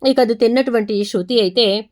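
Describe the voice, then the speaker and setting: Chatty woman narrator, slightly high voice. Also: normal speed, darkish tone. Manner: chatty, strings events together with repeated connectives. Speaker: serial recap narrator. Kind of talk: casual storytelling recap.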